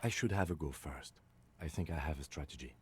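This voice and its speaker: An actor playing a calm, precise police lieutenant who speaks in a dry, clinical, measured way. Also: male voice, rumbling low, breathy edge, heavily acted.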